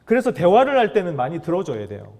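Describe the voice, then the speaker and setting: A middle-aged man lectures a room of fathers in an animated way, putting questions to them and acting out bits of dialogue. His voice is mellow and dark, with a pitch that rises and falls widely and sits a little high. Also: fast. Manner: animated, acts out dialogue, asks audience questions. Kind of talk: lively lecture to an audience of fathers.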